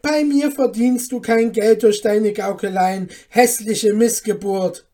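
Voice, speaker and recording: A woman voicing an angry, frightened market mother who scolds and shouts in a read-aloud fairy tale. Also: fairly high pitch, steady tone, slow pace, pitched above the performer's own voice. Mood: angry scolding. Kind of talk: storybook reading.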